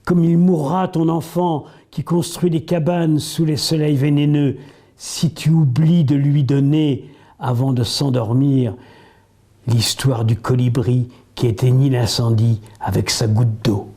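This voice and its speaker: A poetry reader with a dark, relaxed, medium-pitched voice recites verse solemnly. He goes very slowly and deliberately, pausing to set each phrase apart.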